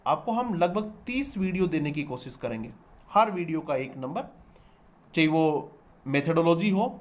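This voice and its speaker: A man teaches an online exam-prep class with a slightly high voice. He reads each question slowly in English, then explains in Hindi, asking his students for the answer and repeating key terms until they stick.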